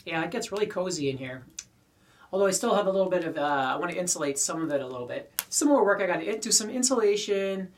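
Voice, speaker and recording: A man's voice: high voice, expressive, quick pace. Canadian man chatting over his pipe, distant mic. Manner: talking while smoking a pipe. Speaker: pipe-smoking video creator. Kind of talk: casual rambling chat to viewers. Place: small wooden garden shed. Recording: distant mic, poor shed acoustics.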